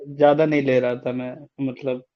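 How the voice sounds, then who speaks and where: A man's voice: mid-range voice, flat delivery, moderate pace, highs cut off. A man calling in to ask a mentor about trades, polite and deferential, saying sir again and again. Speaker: caller. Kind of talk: casual chat.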